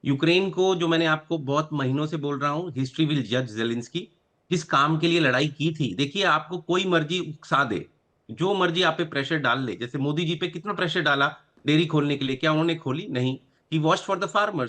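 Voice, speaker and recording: Measured male guest commentator. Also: a little high, sharp tone. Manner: measured, mixes English sentences, confident. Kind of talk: news debate commentary.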